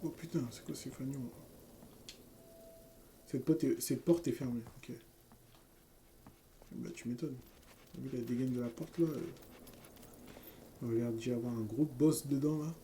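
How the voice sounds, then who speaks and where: Male let's-play gamer, mid pitch, slangy and loose, with explosive shouts; faint background hiss. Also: a little slow, long pauses. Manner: slangy, reads game text aloud, bursts into loud shouts. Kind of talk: casual gameplay commentary.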